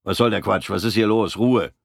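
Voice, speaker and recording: A man voicing a gruff sergeant who barks short orders. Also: fairly low pitch, moderate pace, no room sound, studio quality. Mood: commanding. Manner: barking orders. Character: gruff male sergeant, commanding.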